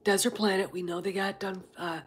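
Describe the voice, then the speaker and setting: With a medium-pitched, very husky voice that frequently nears a whisper, a livestream host talks briskly and fairly evenly, a little stuffed up. She rambles with many fillers and breaks off to greet chat, with a little hiss or hum in the recording.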